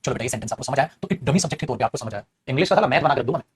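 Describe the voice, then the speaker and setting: A man teaching an English grammar class, talking quickly and chattily and calling his students "beta". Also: mid-range voice, animated, slight background noise. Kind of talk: classroom grammar lesson in Hindi.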